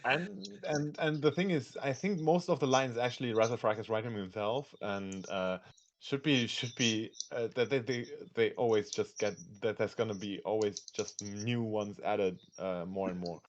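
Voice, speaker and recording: A man's voice: fairly low pitch, moderate pace. A man chatting on a gaming podcast, hesitant and searching for words. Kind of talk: casual gaming chat. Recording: dull noisy lo-fi mic.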